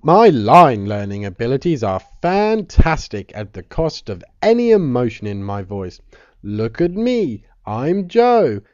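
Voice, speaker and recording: A man mimicking his friend as a stiff, deadpan, pompous young man. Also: mid-range voice, unhurried, no room sound, lo-fi sound, voice pushed down.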